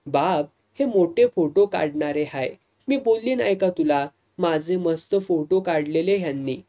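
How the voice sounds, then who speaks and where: A man's voice: a little high, measured pace, dark tone. A narrator voicing an eager young fisherwoman who coaxes her father in rustic dialect, reading a serialized novel. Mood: coaxing.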